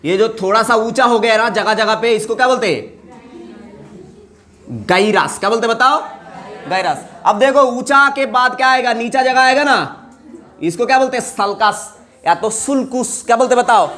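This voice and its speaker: This biology teacher has a high voice with a fairly bright tone. Lecturing at the board, he fires questions at the class and supplies the answers himself, drawing out important words and spelling terms letter by letter in a call-and-response style.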